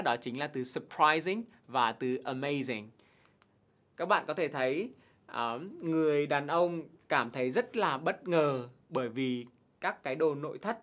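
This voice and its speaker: A man teaching a televised English test lesson, explaining answers patiently and slowly repeating English words for students to copy. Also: fairly high pitch, a bit bright. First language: Vietnamese. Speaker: TOEIC teacher.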